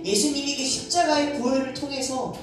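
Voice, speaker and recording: A man's voice: extremely high pitch, steady tone, a little fast. Male youth preacher in an echoey church. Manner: emphatic, addresses the youth with questions. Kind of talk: sermon. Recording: echoey church hall, distant mic, soft music.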